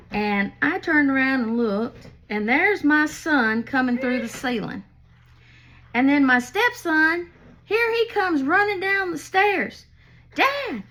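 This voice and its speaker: An older woman with a gravelly, fairly bright voice on the high side chats folksily at home. Sharing family stories during a craft demo for her vlog, she keeps it casual and chatty and laughs at her own stories.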